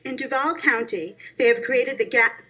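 Woman at a board meeting, breathy, bright and fairly high, reading earnestly into a table mic. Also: moderate pace, poor audio. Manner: earnest, urgent advocacy. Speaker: parent speaking at public comment. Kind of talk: reading a prepared statement. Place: school board meeting hall, seated at a table. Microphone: table microphone.

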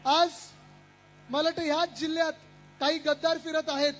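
A young man giving a loud rally speech as a politician, shouting over the crowd and talking straight to the people and the stage. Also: extremely high pitch, flat delivery, normal speed, soft background music. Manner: addresses the crowd and stage directly.

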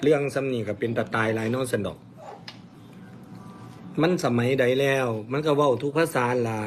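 A man's voice: medium pitch, moderate pace, music in the background. A man with an Isan accent from the Khon Kaen area, a mor lam performer speaking earnestly to viewers in a casual livestream chat. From Isan, northeastern Thailand. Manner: earnest, lecturing viewers, plain-spoken.

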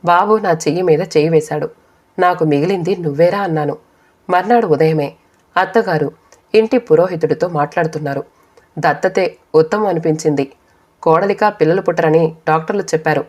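A woman's voice: low-pitched, a little fast, a little mellow. A woman reading a first-person family story aloud as an audiobook narrator, voicing the quoted relatives in her own voice.

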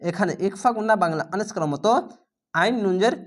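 A man with a Bangladeshi Bengali accent teaching Quran reading, spelling each syllable slowly and patiently, then reciting words drawn out. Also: high voice.

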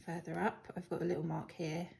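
Brisk and flat in delivery, a young British woman with a fairly low, croaky voice runs through her planner supplies as a casual show-and-tell. She clears her throat, hesitates, and peppers her talk with ums and soft laughs, as a planner vlogger would. Echo and faint noise come from the living room's hard floor.

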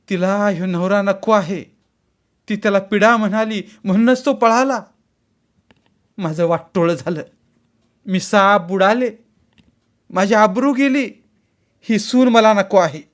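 A man voicing an angry, nagging older mother-in-law in a storybook reading, raising his voice high and loud.

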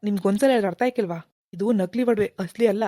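Cartoon: woman doing a gruff sneering shopkeeper, rapid, dry, dark. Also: medium pitch, no echo, lightly acted. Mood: scornful. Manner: gruff, dismissive, shooing people away. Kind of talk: animated cartoon dialogue.

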